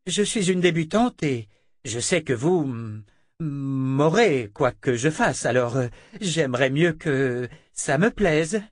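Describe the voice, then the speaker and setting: A man's voice: fairly high pitch, expressive, slow pace, no room sound, clean studio sound, voice pushed up. A man reading an audiobook and voicing a young woman captive who coaxes and persuades while hiding her fear. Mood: coaxing.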